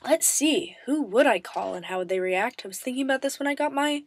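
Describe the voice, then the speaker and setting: A woman's voice: high-pitched, animated, a little fast. A woman chatting casually to camera, bubbly and rambling, her voice scratchy as she recovers from a sore throat. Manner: bubbly, self-mocking, rambling with many ums. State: raspy voice, recovering from strep throat, coughing. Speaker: vlogger answering viewer questions.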